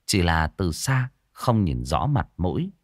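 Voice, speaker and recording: Male audiobook narrator, lively and expressive, dry close recording. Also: deep voice, unhurried, no room sound. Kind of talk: storytelling narration.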